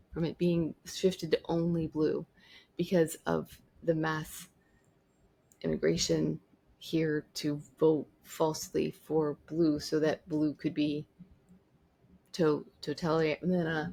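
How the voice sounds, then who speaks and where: A woman vlogger delivers an opinionated talking-to-camera monologue, emphatic and repeating points for stress. Her voice is low-pitched and a little mellow, with vocal fry and slight roughness.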